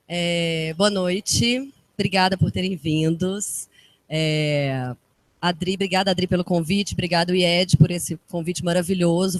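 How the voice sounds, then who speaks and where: A fashion designer from Minas Gerais, Brazil, speaks as a guest to a live audience in an event room, her Minas Gerais Brazilian Portuguese accent clear. Her voice is fairly low and the recording is dry. She chats casually and enthusiastically in quick bursts.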